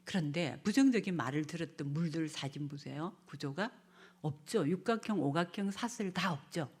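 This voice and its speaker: A low, husky-voiced woman lectures on parenting at a church seminar. She slips into playful acted lines for parents and children and now and then drops to a whisper. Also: lively intonation, normal speed, a little mellow.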